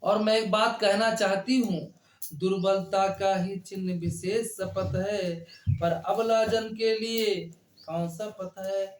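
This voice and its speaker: A high-pitched male voice, fairly even in intonation, rings out in a reverberant space as a teacher works through a Hindi poem line by line. Slow and repetitive, he echoes key phrases and tests the class with questions.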